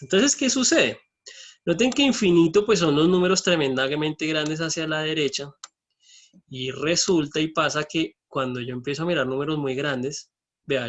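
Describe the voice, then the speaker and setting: A man's voice: a little high, fairly bright tone. A man teaching an online math lesson from his computer, explaining each step and checking in with his students.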